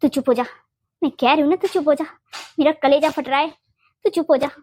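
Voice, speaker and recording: A woman voicing a fiercely protective, sharp-tongued older mother-in-law in a Hindi cartoon, blunt and bossy. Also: high voice, fairly quick, a little hiss or hum, lightly acted. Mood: consoling. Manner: blunt, scolding, makes boastful vows.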